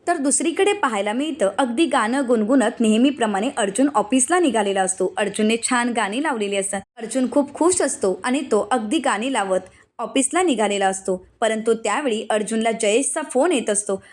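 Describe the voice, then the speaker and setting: A woman with a Marathi accent, her voice sitting a little high, tells the story of a serial episode scene by scene. She reads the characters' lines in the same steady storytelling voice. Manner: narrates plot and voices quoted lines in the same reading voice. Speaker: serial recap narrator.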